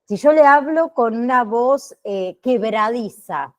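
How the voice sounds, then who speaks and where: A woman teacher giving an online class lecture, speaking deliberately and checking in with frequent tag questions. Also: high voice. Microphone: computer mic on a video call.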